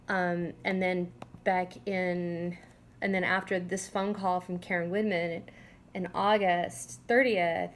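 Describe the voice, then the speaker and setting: A woman from the United States giving an informal personal account, questioning and aggrieved. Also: fairly low pitch. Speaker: narrator recounting own police case. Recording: clearly noisy home-style recording.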